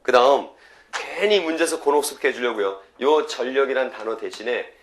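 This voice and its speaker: A man's voice: medium pitch, a little fast, slight background noise. A male physics lecturer teaching a class, who asks questions, answers them himself and gets students to chant formulas aloud.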